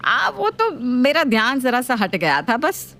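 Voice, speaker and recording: A woman's voice: sing-song, bright, forceful tone, heavily acted. Woman doing a nagging old mother-in-law. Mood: scolding. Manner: scolding, slow and lower-voiced.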